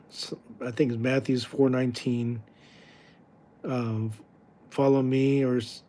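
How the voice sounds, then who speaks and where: A man's voice: medium pitch, mellow. A man hosting a casual home livestream, chatting with viewers in a rambling, joking, easily distracted way and often correcting himself. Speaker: livestream host. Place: home room with houseplants, indoors.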